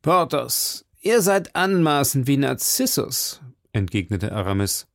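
A man's voice: medium pitch, sing-song, a little slow, vocal fry, no echo, clean studio sound. A man voicing a sly, witty musketeer who speaks with patient mockery. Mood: mocking. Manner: mocking, patient, needling. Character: sly witty male musketeer, would-be priest.

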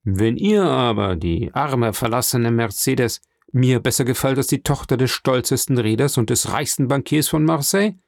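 A man's voice: mid-range voice, normal speed, gravelly, no echo, studio quality, natural voice. A man playing a jealous young fisherman. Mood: pleading, jealous. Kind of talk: audiobook reading.

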